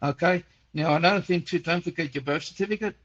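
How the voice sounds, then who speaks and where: A man in his sixties, who grew up in Chile, hosts a casual call-in and answers listeners. His voice sits a bit high for a man. He rambles, repeats himself and fills his talk with "uh" and "um", and the audio sounds muffled and lo-fi. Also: quick pace, fairly bright tone. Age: 60s. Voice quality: nearly deaf. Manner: rambling, repeats words, frequent fillers. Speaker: host answering listener questions.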